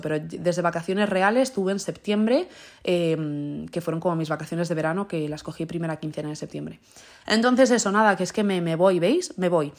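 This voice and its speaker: A young woman with a Spain Spanish accent hosting a podcast in a chatty, rambling way full of asides. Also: on the low side. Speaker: podcast host. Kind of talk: casual podcast chat.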